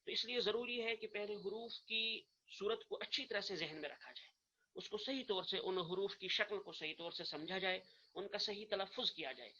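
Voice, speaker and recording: Earnest man teaching online, bright voice. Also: high-pitched, lo-fi sound. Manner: earnest, explains step by step, repeats points, recites letters slowly and loudly. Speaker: Arabic grammar teacher. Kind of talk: online lecture.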